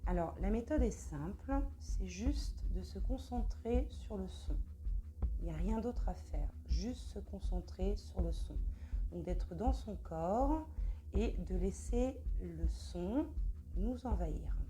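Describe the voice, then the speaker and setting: A woman guiding a meditation, speaking softly and close to the ear. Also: medium pitch, animated, slow pace. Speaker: meditation guide. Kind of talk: spoken introduction to a guided meditation.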